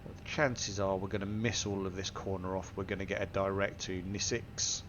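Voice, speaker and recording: A flight sim tutorial host with a cold-stuffed nose methodically goes through each cockpit setting, step by step. His voice is low-pitched, level and fairly bright, and he talks a little fast. The lo-fi recording carries the simulator's engine and cabin noise, with an aircraft simulator humming behind him.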